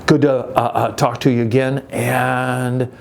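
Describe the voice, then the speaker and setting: A man in his sixties giving a casual, upbeat youth-pastor style talk, conversational and halting, repeating phrases for emphasis. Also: mid-range voice, little pitch movement, creaky, a little hiss or hum. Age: 60s. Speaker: youth group leader.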